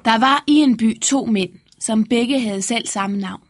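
A woman narrating a fairy tale in a lively storytelling manner. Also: on the high side.

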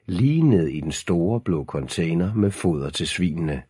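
Deep husky guy reading an audiobook, slow and ominous, dry close sound. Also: lively intonation, warm tone, dry recording. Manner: measured, ominous storytelling. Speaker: narrator. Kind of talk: scripted audiobook narration.

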